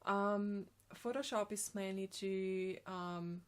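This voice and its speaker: A woman in her forties from Slovenia, with a Slovenian accent, answering interview questions about her design work with many pauses and ums. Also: mid-range voice, fairly even intonation. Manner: hesitant, many ums and restarts. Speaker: graphic designer, guest.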